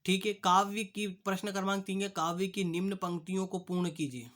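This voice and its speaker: A young adult man teaching a class, working through textbook answers in a halting way, often restarting words and repeating a filler phrase. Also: high voice, fairly even intonation, a bit bright. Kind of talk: classroom lesson explaining answers.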